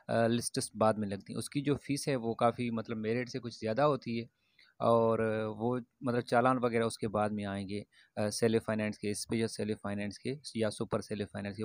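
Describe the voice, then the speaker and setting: A man's voice: medium pitch, no room sound. A man speaking plainly to his viewers with student admission updates, in a loose explanatory way full of fillers and restarts. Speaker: education YouTuber. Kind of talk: informal update talk to camera.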